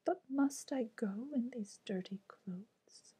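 Lady whispering as a hopeful young storybook girl, a bit higher, very breathy. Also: takes it slowly, mellow, exaggerated voice. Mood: longing.

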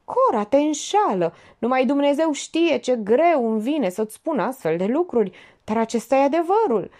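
In an audiobook character voice, a woman portrays a pompous, sanctimonious middle-aged male notary, speaking theatrically and preachily. Her voice sits high and is pushed up, dark in tone, with big pitch swings.

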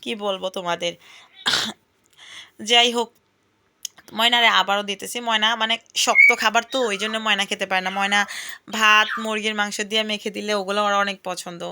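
A woman's voice: medium pitch, fairly even intonation, brisk, pauses often, sharp tone, slight background noise. A woman, chatting casually in a home vlog from her garden, often exclaiming aloud and calling out to her pet bird. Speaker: vlogger.

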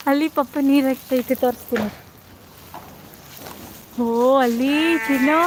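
Young mother, high, lively and sing-song, coaxing a small child, loud outdoor noise on a handheld phone. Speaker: mother vlogging live. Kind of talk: casual live vlog while minding a toddler. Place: outdoors at a house under construction. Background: child crying, animals, work noise.

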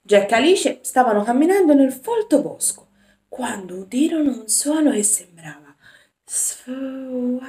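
A woman who works as a nursery school educator, reading a picture book aloud to young children in a gentle storytelling manner. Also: high-pitched, very animated, normal speed.

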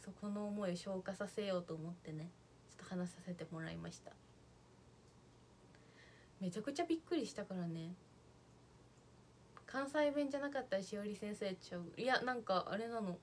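A young woman talks casually to her livestream viewers, thanking them by name as their comments come in. She chats in an easy, rambling way at a mid pitch. A faint hiss of background noise sits under her voice. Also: expressive, a little fast. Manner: chatty, reads viewer comments aloud. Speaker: idol livestreamer.

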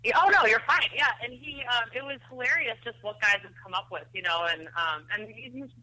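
On the telephone, a woman guest with a fairly high, sharp voice tells a story at a fairly quick pace. She's chatty, full of fillers, and laughs often, and the line sounds thin.

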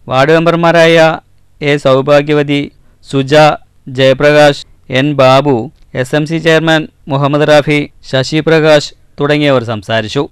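A male reporter reads a scripted regional news voice-over with a Kerala Malayalam accent. His tone is strikingly smooth and clear, a little high for a man, and the recording is close and dry. He keeps a measured, formal pace and lets his pitch fall at each sign-off. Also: dry recording. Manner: measured formal reading, drops at sign-offs.

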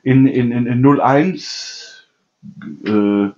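A man's voice: mid-range voice, drawn-out words, a little mellow. A middle-aged man talks in a loose, rambling home-kitchen chat. He keeps tagging his sentences with a questioning "ne?" and slips into little imitations of other people. The sound is slightly muffled and lo-fi. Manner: chatty storyteller, constant "ne?" tags, mimics people. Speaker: cooking channel host. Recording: dull lo-fi sound.

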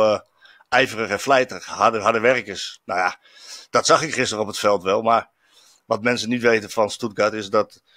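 A man's voice: lowish voice, a bit bright, dry recording, studio quality. A man, a football journalist reporting from abroad, chatting reflectively with many fillers and restarts. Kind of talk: casual chat. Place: in Stuttgart, on location.

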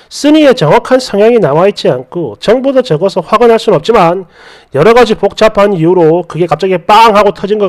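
A man reads a first-person story and its comments aloud with an exasperated edge. His voice sits high for a man and swings widely in pitch, keeping the retelling animated. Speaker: story narrator.

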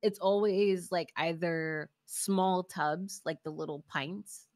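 A woman guest chatting casually while gaming, giggly and quick to apologize. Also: fairly low pitch, steady tone, darkish tone. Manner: apologetic, giggly, slow-paced. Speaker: streamer guest.

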